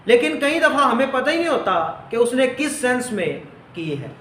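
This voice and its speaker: A man teaching a Bible lesson, slowly repeating phrases so his students can write them down. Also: very high-pitched, big pitch swings, fairly bright tone, slight background noise. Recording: echoey room.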